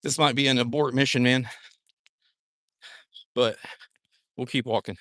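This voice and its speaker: A relaxed man with a Southwestern American accent talks casually to his live-stream viewers while walking outside. His voice sits in an ordinary middle pitch and comes across dry and close, with little room sound around it. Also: a little slow, no echo. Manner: laid-back, chuckles often, joking about his broken Spanish. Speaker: livestream host. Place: outdoors, walking in a dry wash.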